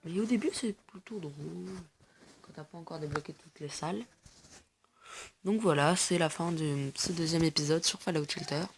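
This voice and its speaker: A woman's voice: low voice, normal speed, background noise. A woman giving casual gameplay commentary, chatty and explaining things to viewers with lots of fillers. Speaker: gaming video host.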